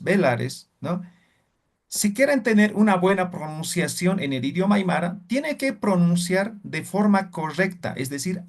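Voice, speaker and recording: A man teaching a language class, explaining sounds and demonstrating them aloud, checking in often with short questions. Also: high voice. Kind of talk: online language lesson.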